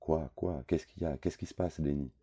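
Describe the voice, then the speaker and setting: A man's voice: a bass voice, steady tone, fairly quick, mellow, slightly rough. A man reading a novel aloud, voicing a bossy housewife who fusses and gives orders. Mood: bossy fussing. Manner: commanding, flustered.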